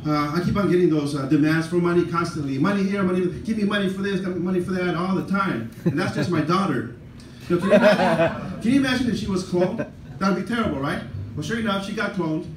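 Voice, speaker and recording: Older comic telling rambling stories on stage. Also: male voice, high-pitched, fast, a little hiss or hum. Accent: Mexican-American. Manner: rambling, self-deprecating storytelling with frequent "right?" asides. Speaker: stand-up comedian. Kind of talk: stand-up comedy set. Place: comedy club stage. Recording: roomy club sound from a distant camera. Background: audience laughter.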